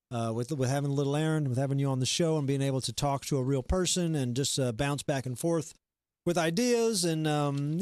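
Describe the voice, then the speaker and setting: A man hosting a live stream, chatting casually with playful, drawn-out hype calls. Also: mid-range voice, a little mellow, clean tone, dry recording, studio quality. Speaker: show host.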